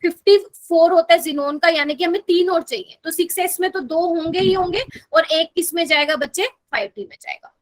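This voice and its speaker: A woman's voice: very high voice, steady tone, moderate pace. A woman teaching a chemistry class online in Hindi, explaining step by step and often checking whether students follow. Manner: explains step by step, asks students to confirm with "okay?".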